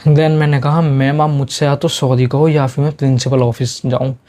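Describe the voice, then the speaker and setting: A young man telling a story from his school days in a casual, animated way, mixing in English phrases. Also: medium pitch, moderate pace. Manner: animated, heated retelling with Hindi-English code-switching.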